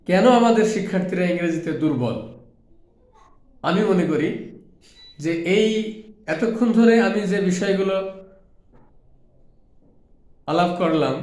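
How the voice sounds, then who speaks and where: A high-voiced man speaks earnestly about teaching, pleading and ticking off terms one by one. He drops English words into his speech. The room around him is echoey. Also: a little mellow. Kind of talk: earnest spoken talk.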